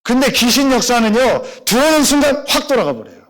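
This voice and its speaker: A middle-aged male pastor preaching a sermon with emphatic, animated storytelling. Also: very high voice, fast talker.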